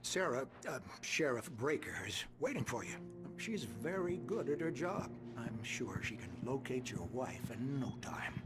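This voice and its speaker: Folksy old small-town doctor, lively intonation. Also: male voice, medium pitch, unhurried. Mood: reassuring. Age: older. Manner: folksy, hesitant, reassuring. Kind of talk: video game dialogue. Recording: background music under voice.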